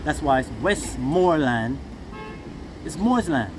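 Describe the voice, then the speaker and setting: A man's voice: a little high, expressive, takes it slowly. A Jamaican man giving impassioned, informal Rasta-style reasoning, emphatic and often checking that his listener follows. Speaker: interviewee. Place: outdoors near passing vehicles. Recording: noisy outdoor recording with traffic.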